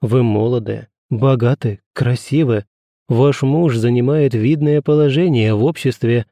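A man reading the part of a gallant gentleman who speaks softly and sweetly, with coaxing tenderness and a touch of sad irony. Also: medium pitch, a little slow, dry recording, clean studio sound, close to an everyday voice. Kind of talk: audiobook character reading.

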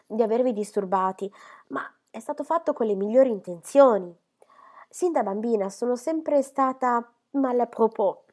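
A woman voicing a flustered, chatty middle-aged spinster who talks in high, gushing bursts. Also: moderate pace, dark tone, close to an everyday voice. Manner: gushing, high, breathless apologies.

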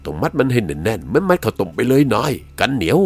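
A man voicing a frightened old male jungle hunter who cries out in high, strained yelps. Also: very animated, fast, breathy edge, faint music behind. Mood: urgent.

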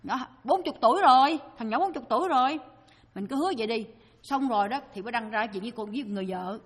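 A woman with a Southern Vietnamese accent tells a dharma story, slipping into the voices of her characters as she goes. Her voice sits fairly high and sounds breathy. It rings out with a long hall reverb. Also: quick pace. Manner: lively storyteller, acting out the people she quotes. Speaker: Buddhist dharma speaker.

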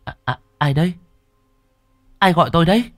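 A man's voice: fairly high pitch, expressive, moderate pace, no room sound, clean studio sound, voice pushed up. A man voicing a frightened young woman who stammers and cries out in desperation.

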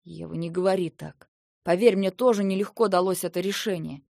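A woman with a lowish, mellow voice and vocal fry reads briskly from an audiobook, voicing a young prince, a weary, stern older brother who firmly reasons and pleads with his sister in a persuading mood. The recording is dry and studio quality.

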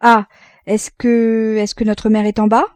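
A woman's voice: medium pitch, unhurried, darkish tone, no echo, clean studio sound, lightly acted. A woman reading an audiobook voices a tense older brother who speaks hesitantly and falters. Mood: uneasy.

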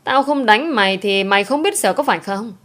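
A woman's voice: mid-range voice, lively intonation, brisk, fairly bright tone, close to an everyday voice. A woman voicing a cruel middle-aged stepmother who berates a child harshly. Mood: harsh scolding.

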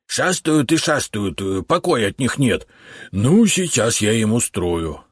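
A man's voice: mid-range voice, big pitch swings, measured pace, breathy edge, no echo, studio quality, voice pushed up. A man voicing a boastful, self-important male house spirit who talks bossily with "eh" fillers, in an audiobook. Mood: grumbling angry. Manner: bossy, know-it-all, grumbling with 'eh' fillers. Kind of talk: audiobook character voice.

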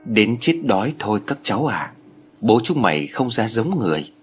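Grumbly old granny, bitter and grim, low voice swinging up and down, man reading her. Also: sing-song, normal speed, faint music behind. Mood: weary. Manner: grumbling, scolding.

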